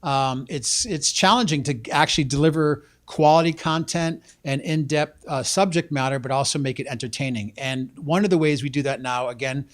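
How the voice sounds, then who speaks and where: A man's voice: on the high side, normal speed, few pauses. A man hosting a live local TV show, rambling casually with many fillers. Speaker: host.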